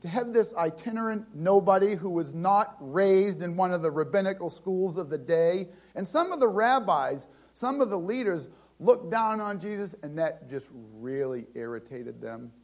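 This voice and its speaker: A man preaching a sermon in a conversational way, often restarting and repeating words, and slowing down with a lower voice for scripture. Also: animated, darkish tone.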